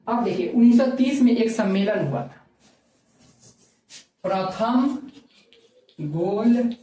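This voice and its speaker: A man's voice: high voice, dark tone. Man lecturing, roomy. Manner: drills facts by asking and answering his own questions. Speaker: history teacher. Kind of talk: classroom lecture with repeated questions and answers. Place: classroom with a whiteboard. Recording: roomy sound from a distant mic with faint background noise.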